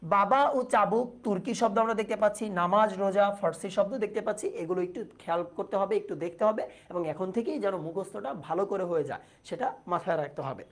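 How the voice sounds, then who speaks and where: A woman's voice: mid-range voice, a little fast. A woman teaching an online exam-prep lesson. She explains patiently, asks the students questions and reads out their comments.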